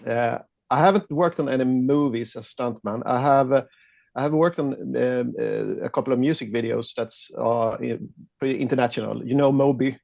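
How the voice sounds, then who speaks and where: A Swedish man with a gravelly, creaky voice and a Swedish accent, speaking English as a second language as an interview guest. He talks haltingly and laughs often. The sound is dull and lo-fi, like a remote call. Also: mid-range voice, darkish tone, dry recording. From Sweden. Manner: hesitant, many fillers and restarts, laughs often. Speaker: guest photographer. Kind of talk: casual interview chat.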